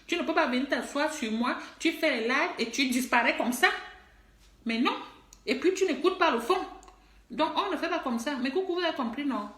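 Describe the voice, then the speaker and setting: A woman's voice: high voice, expressive, a little fast, a bit bright. A middle-aged woman, an online personality and musician, talks straight to her followers in an emphatic, scolding way and repeats herself often. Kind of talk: direct-to-camera social media video. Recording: roomy echo.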